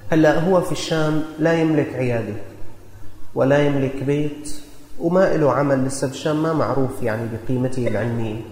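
A man with a Syrian Arabic accent preaching in a colloquial storytelling style, earnest and exhorting, slowing down to stress key lines. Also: medium pitch, a little mellow. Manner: earnest, exhorting, slows for emphasis. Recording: echoey hall reverb.

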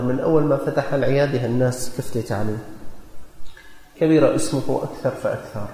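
A man with a Syrian Arabic accent preaching in a colloquial storytelling style, earnest and exhorting, slowing down to stress key lines. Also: medium pitch, a little mellow. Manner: earnest, exhorting, slows for emphasis. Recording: echoey hall reverb.

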